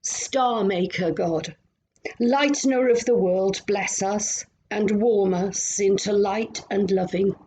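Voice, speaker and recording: A woman minister at home, leading a gentle, meditative prayer and reflection with long pauses. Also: medium pitch, slight background noise, poor audio.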